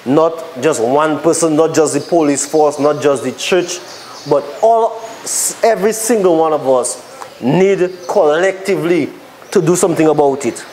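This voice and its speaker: A man's voice: fairly high pitch, a little slow, darkish tone, a little hiss or hum, poor audio. A man with a Dominican accent leading a panel discussion, earnest and stumbling over words as he makes his points. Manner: earnest, restarts often. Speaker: panel moderator.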